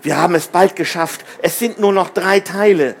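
A man's voice: high voice, normal speed, creaky. A man voicing a small, eager boy astronaut in a children's storybook.

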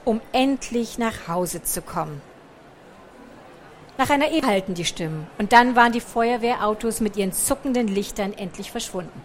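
Lady reading a kids story out loud, kinda high voice, asks the kids stuff. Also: a little hiss or hum. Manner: asks the listening children questions, retells in casual speech. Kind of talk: reading a children's story aloud.

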